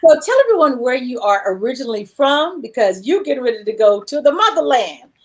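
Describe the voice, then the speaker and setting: A woman hosts a casual livestream interview over a video call, chatting and rambling as she reads viewer comments aloud. Her voice sits high, very animated and brisk.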